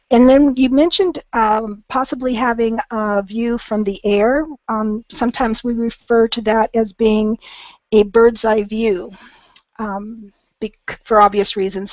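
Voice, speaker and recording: A woman's voice: fairly high pitch, no echo, highs cut off. A woman teaching a live online English class, patient and encouraging, with many ums.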